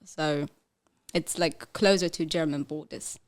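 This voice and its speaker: A woman in her twenties or thirties, originally from Ethiopia and later living in the Netherlands, chats casually as a podcast guest and often bursts into laughter. Her voice is low-pitched and steady, delivered at a measured pace.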